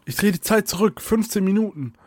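A man's voice: on the high side, lively intonation, moderate pace, a little mellow, no echo, pitched above the performer's own voice, lightly acted. A man voicing a brave, earnest young sorceress in an audio story, calling out eagerly. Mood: urgent.

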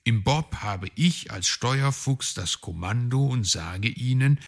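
A man's voice: medium pitch, lively intonation, slow, gravelly, pitched above the performer's own voice, exaggerated voice. A man voicing a bossy, eager male fox in a children's story, giving orders and coaching his companion. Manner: commanding, coaching.

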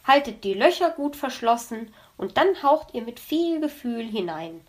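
A kindly male teacher from a children's storybook, patient and coaxing, as a woman reads him. The voice sits rather high for a man. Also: big pitch swings, a little slow. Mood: coaching. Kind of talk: audiobook reading.

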